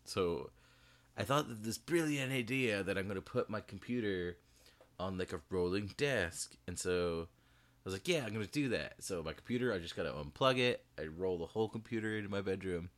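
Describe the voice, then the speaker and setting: A podcast co-host speaks briskly and animatedly in a low voice, laughing often as he chats casually about a hobby. His recording space is a small bedroom with the door closed.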